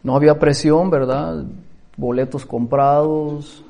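A man's voice: on the high side, takes it slowly, vocal fry. A man preaching a sermon, telling anecdotes in a conversational way. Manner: storytelling, conversational, lively anecdotes.

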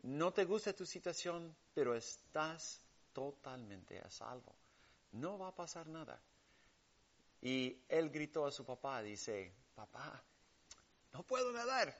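A man preaching a sermon with emphatic stresses that drop to hushed, soft passages. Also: expressive, slow pace, dull audio. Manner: emphatic preaching that swings between loud stresses and hushed lows.

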